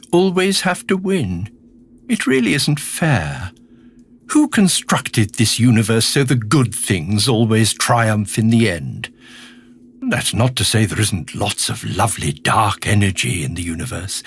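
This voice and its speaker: An actor playing a decaying, skeletal alien villain in an audio drama monologue, charming, sinister and self-pitying, confiding in the listener with sardonic relish. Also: male voice, on the low side, fairly bright tone, husky, full character voice. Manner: theatrical, confiding, sardonic, drawn-out menacing phrases.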